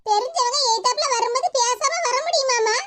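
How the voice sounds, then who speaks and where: A woman voicing an argumentative, defensive grown daughter in a cartoon, in a high, squeaky voice. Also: brisk, fairly bright tone, faint music behind. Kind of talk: cartoon voice acting.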